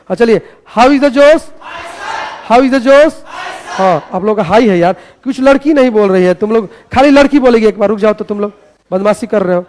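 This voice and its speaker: A man teaching a class in a classroom, loud and playful, rallying the students with call-and-response. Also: high voice. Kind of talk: energetic classroom lecture.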